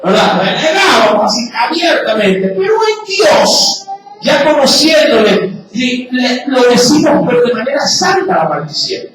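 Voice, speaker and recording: High-voiced preacher man in an echoey hall. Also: big pitch swings, a little slow. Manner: preaching loudly, asking the congregation rhetorical questions. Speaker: pastor. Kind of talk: sermon. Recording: very echoey hall, picked up from a distance.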